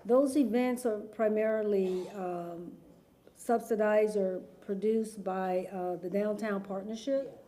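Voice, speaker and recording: A woman's voice: medium pitch, steady tone, slow pace, warm tone. A woman who is a city department administrator, answering council questions in a tired, sleepy-sounding way. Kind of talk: answering questions at a public hearing.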